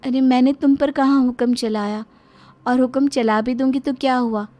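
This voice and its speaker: A woman voicing a naive, gentle young village daughter-in-law in a cartoon story, speaking softly and meekly. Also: sits high, fairly even intonation, moderate pace, pitched above the performer's own voice, natural voice.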